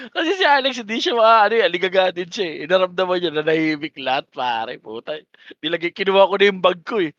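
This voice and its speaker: Podcast co-host, young Filipino man, lively swooping delivery, a bit high, dry dull mic. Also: fairly quick, dry recording. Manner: rowdy, swearing, laughing banter. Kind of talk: casual chat.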